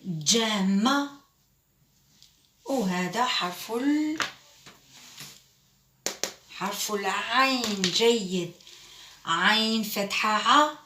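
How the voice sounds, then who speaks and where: A woman teacher who slowly drills Arabic letters and syllables with children, praises them often and slips into French classroom phrases. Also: medium pitch, expressive, roomy sound, far from the mic, noisy background. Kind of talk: Arabic reading lesson for children.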